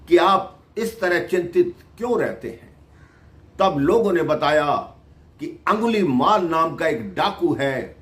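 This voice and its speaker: A man narrating a devotional moral tale in a slow, measured way, pausing between phrases. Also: fairly high pitch, a bit bright, reverberant. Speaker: devotional storyteller.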